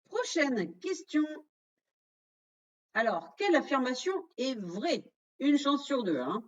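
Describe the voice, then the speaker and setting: A woman's voice: a little high, muffled recording. A French-speaking woman presenting a quiz in an online webinar, addressing the audience directly and revealing the answers.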